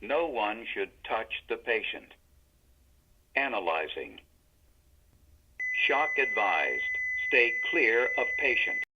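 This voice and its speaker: A man voicing a defibrillator prompt, giving calm, impersonal step-by-step instructions as the machine. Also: lowish voice, slow, long pauses, background noise, exaggerated voice. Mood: calm, instructive. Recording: dull, lo-fi device audio.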